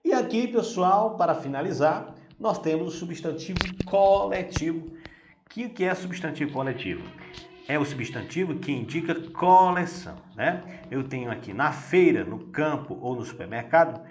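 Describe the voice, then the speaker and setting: This recorded classroom walkthrough has a man guiding students through grammar with patience, frequently asking "vai dar o quê?" and "né?" to make sure they keep up. He speaks on the high side at normal speed with lively intonation, in an echoey room carrying faint noise.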